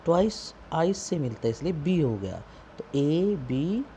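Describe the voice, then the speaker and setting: A man's voice: a little high, very animated, unhurried, warm tone, a little hiss or hum. A male teacher explaining a poem line by line, reading the English and then quizzing his students in Hindi.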